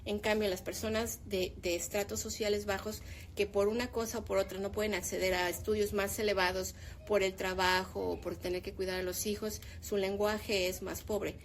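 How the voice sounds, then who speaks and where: A woman in her fifties speaks in a gravelly voice at a middle pitch, a teacher sharing strong opinions in relaxed conversation. She grows animated when she presses a point. A faint noise sits under the recording. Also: moderate pace. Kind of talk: casual discussion.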